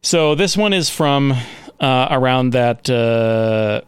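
A man's voice: medium pitch, lively intonation, slow, clear, resonant tone, no room sound. Man, podcast host, casual comedy chat, profane, rambling, dry recording. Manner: profane, rambling with many fillers.

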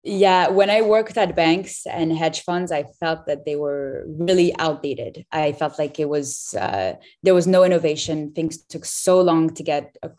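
A startup founder in her twenties appears as a podcast guest, speaking in a low, upbeat, slightly mellow voice. She's chatty and often restarts her sentences, scattering fillers throughout. The feel is relaxed, easygoing interview talk.

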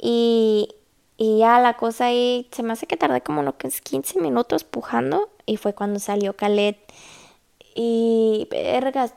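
A young woman with a Mexican accent tells her story in a blunt, salty, casual way, dropping English phrases in as she goes. Her voice sits fairly high for a woman. It has a gravelly edge of vocal fry but stays smooth and clear. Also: darkish tone. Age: young adult. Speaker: vlogger.

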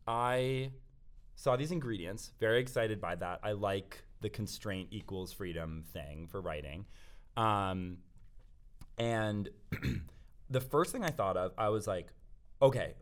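Low-voiced rambling male guest. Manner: rambling, lots of fillers like "like" and "um", laughs easily. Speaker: guest writer. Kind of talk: casual interview chat.

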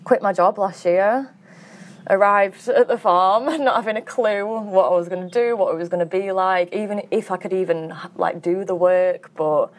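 A farm grower answers interview questions in a chatty, easygoing manner, her mid-range voice moving at normal speed. She uses lots of fillers, says "like" often, and laughs easily.

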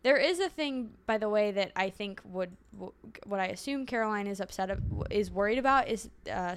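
A woman's voice: mid-range voice, smooth. A woman co-hosting a casual recap chat, rambling and correcting herself as she goes. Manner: rambling, self-correcting, quick asides. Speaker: podcast co-host.

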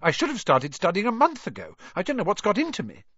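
A man's voice: high voice, huge pitch swings, fast, a bit bright, no echo, pitched above the performer's own voice, full character voice. A man voicing a bossy, anxious studious schoolgirl who talks in a snappish, fussy way, in a dull, dry recording. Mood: exasperated.

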